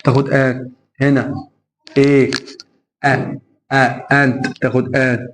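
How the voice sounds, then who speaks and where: A man's voice: medium pitch, level tone, unhurried. A man with an Egyptian Arabic accent teaching an English lesson, repeating and stretching out vowel sounds as he drills them. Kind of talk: classroom lesson explanation.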